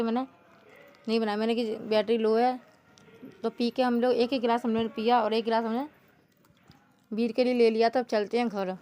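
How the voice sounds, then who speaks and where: A woman's voice: fairly high pitch, a little mellow, smooth. Chatty young woman vlogging for viewers. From northern India. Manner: chatty, laughing often, talks to viewers directly. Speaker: family vlogger. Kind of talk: casual vlog narration.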